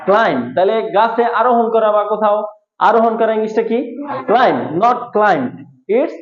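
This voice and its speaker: High-voiced teacher drilling pronunciation. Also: male voice, level tone, brisk. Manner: repetitive quizzing questions. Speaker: English teacher. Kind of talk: classroom lesson, call-and-response drilling. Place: classroom at a board. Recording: echoey room, dull lo-fi sound.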